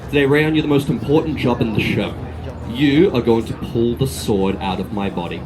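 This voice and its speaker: A man's voice: mid-range voice, normal speed. A man with an Australian accent giving a sword swallower's comedic street show patter, cheeky and teasing as he addresses a crowd. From Australia, from Melbourne. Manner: cheeky showman, teasing the audience and volunteer. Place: outdoor city street. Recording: outdoor street noise with traffic.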